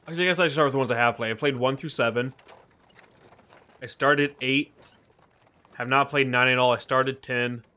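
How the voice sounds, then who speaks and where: A man's voice: mid-range voice, steady tone, moderate pace, pauses often, pushed and bright. A man streaming a game, chatting casually and rambling about what he has played. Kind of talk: casual gaming stream chat. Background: faint game music.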